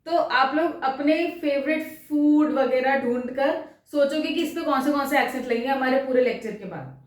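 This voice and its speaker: High-voiced woman teaching in an echoey room. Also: normal speed. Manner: chatty, asks the class questions. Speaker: French teacher. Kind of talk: classroom lesson. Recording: echoey room, mic far off.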